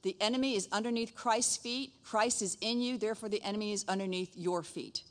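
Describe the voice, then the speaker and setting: Woman preaching, middle-aged, lively storytelling, playful asides, mid pitch. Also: brisk. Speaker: pastor's wife and church leader. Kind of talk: sermon.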